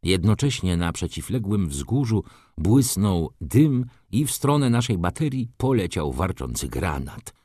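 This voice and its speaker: Deep-voiced man narrating a story. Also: unhurried, few pauses, no room sound, clean studio sound. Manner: expressive first-person storytelling reading. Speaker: audiobook narrator. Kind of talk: scripted narration.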